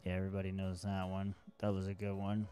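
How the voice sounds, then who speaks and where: A game streamer, a man, reading notes aloud and thinking out loud in casual commentary. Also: low voice, monotone, quick pace, soft background music.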